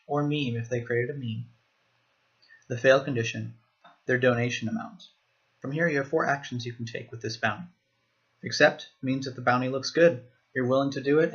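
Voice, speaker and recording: Man explaining software step by step. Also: medium pitch, highs cut off. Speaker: software demo presenter. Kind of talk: screen-recorded software walkthrough.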